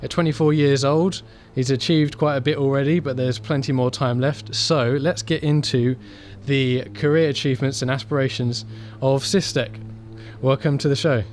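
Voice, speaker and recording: A man's voice: medium pitch, fairly even intonation, normal speed, darkish tone, faint music behind. A man hosting an interview, reading a scripted introduction and then giving short replies. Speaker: interview host.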